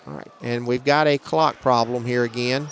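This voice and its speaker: A man doing live play-by-play commentary on a basketball game, brisk and matter-of-fact, raising his voice on big plays. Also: mid-range voice, fairly even intonation, slight background noise. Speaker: play-by-play announcer.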